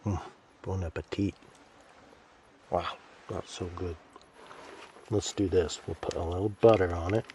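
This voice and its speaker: A low-voiced man talks slowly and easily while cooking at an outdoor camp. He chats to himself and his animals in a relaxed way, with a faint hiss behind him. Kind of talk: casual camp-cooking narration. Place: outdoors at a wilderness camp by a creek.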